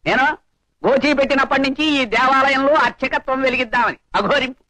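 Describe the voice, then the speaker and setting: A scheming, cowardly temple priest in an old film comedy, whining and fawning in a very high, bright, piercing voice. The sound is dry and close, dubbed in a studio. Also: male voice, fairly even intonation, a little fast, no room sound. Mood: complaining. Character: scheming poor temple priest, middle-aged, greedy and cowardly. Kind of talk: 1980s film comedy acting.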